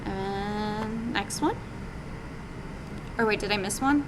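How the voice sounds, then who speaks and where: An indie game developer, a woman with a mid-range voice, gives an informal live presentation to attendees at a group meeting. She speaks slowly, hesitant and conversational, with casual phrasing. The meetup recording has background noise.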